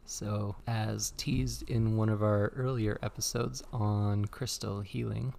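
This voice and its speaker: A man's voice: fairly low pitch, level tone, slow, gravelly, a little mellow. A man co-hosting a podcast, talking casually and reading aloud into a good microphone inside a church. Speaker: podcast co-host.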